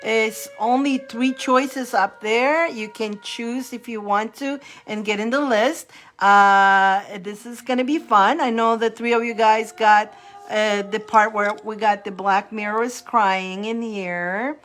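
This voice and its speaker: Bubbly lady tarot streamer, casual and giggly, slower easy pace, light music behind her. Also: a little high, steady tone, fairly bright tone. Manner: bubbly, giggly, greeting viewers. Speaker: tarot reader hosting a livestream. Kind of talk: casual livestream chat. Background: background music.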